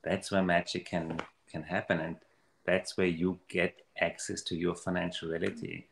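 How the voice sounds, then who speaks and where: A man giving an earnest, animated motivational talk in a casual conversation. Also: sits low, moderate pace, gravelly, roomy sound. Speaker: guest speaker on money mindset.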